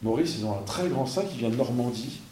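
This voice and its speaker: A man's voice: medium pitch, expressive, brisk, roomy sound, background noise. A man, a parish priest, giving an informal talk to an audience, conversational and emphatic, full of fillers and restarts.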